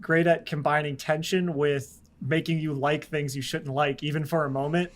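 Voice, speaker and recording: A young man co-hosting a casual film podcast, agreeable and quick to laugh. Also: on the high side, flat delivery. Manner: agreeable, laughs often, frequent backchannel. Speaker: podcast co-host.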